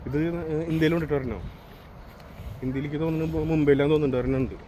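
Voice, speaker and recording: Man, quick casual explainer, phone video with noisy outdoor background. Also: fairly high pitch, fairly even intonation, dark tone. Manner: quick, offhand explaining and teasing. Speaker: companion on a park walk. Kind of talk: casual chat while walking. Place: outdoor lakeside park at night.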